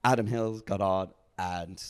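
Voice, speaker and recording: A young adult comedian from South Africa, chatting casually on a podcast and telling stories with frequent laughs. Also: male voice, low-pitched, unhurried, smooth. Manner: storytelling, laughing often, animated. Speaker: comedian guest.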